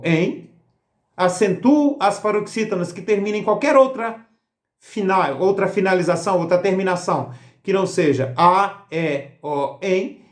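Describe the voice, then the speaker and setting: A man giving a grammar lesson for exam prep, emphatic and explanatory, asking rhetorical questions. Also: high voice. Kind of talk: recorded lesson. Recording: roomy echo.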